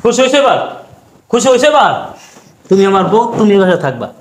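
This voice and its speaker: A man's voice: high voice, sing-song, fast. An actor playing a brusque young husband who throws his father out to please his wife. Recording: echoey room.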